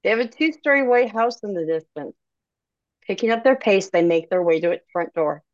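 A woman author reading her own novel aloud, narrating in an expressive storybook manner. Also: medium pitch, normal speed, dry recording, lo-fi sound.

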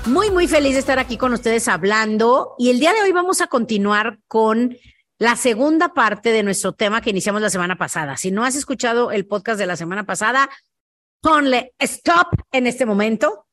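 A woman's voice: on the high side, animated, moderate pace, fairly bright tone, faint music behind. A Mexican woman hosting a casual coaching podcast, chatty and digressive, acting out sales conversations. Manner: chatty, digressive, role-plays sales dialogues. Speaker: podcast host.

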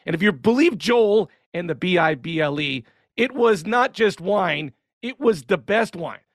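A man with a high, gravelly voice, recorded close and dry. He runs segments with a wry, offhand delivery, setting up topics for his co-host. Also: lively intonation, a little slow, no echo. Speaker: podcast host. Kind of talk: casual commentary on sermons.

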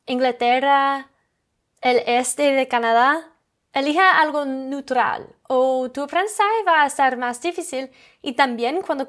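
A woman with a high voice gives a podcast language lesson at a slow, careful pace. Her first language is English, and her Spanish phrasing is non-native. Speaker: English teacher.

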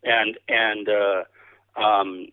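A man chatting casually as an interview guest, a cowboy poet with a halting, rambling, folksy storytelling manner. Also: lowish voice, level tone. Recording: thin band-limited radio or phone-like sound.

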